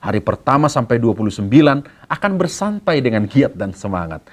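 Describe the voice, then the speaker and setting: A man with an Indonesian accent, a pastor giving a sermon to students and telling stories with a playful, lively manner. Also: mid-range voice, fairly quick. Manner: lively storytelling with acted quotes.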